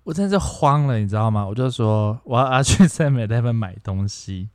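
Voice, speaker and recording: A man's voice: medium pitch, brisk, smooth, no echo, clean studio sound. A man with a Taiwanese Mandarin accent, co-hosting a podcast and telling a story in casual chat, acting out the voices in it. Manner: animated, acts out quoted dialogue, bursts of loud laughter. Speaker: podcast co-host.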